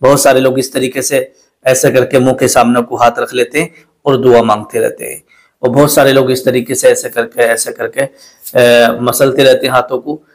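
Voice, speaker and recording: A man's voice: medium pitch, flat delivery. Patient man teaching prayer pronunciation. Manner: polite, patient, repeats and corrects pronunciation; recites the Arabic prayer slowly in a melodic chant. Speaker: religious teacher. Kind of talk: religious instruction to camera.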